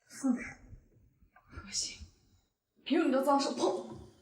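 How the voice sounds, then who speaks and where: Heartbroken ex-wife played by a woman, higher voice, defiant and emotional, reverby sound. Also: fairly even intonation, measured pace, natural voice. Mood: angry. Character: heartbroken young ex-wife, proud but lovesick. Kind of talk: TV drama acting.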